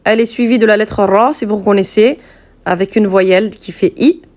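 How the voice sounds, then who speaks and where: A woman teaching Quranic letters step by step, patient and clear, spelling out sounds slowly and distinctly. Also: medium pitch, darkish tone.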